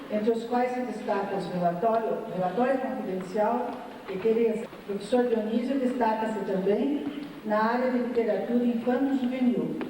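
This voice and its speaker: A woman with a Brazilian accent, the host, reading out a formal introduction of the speaker in a measured way with small slips. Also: fairly high pitch, mellow. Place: large hall with audience. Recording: echoey hall, distant mic, background noise.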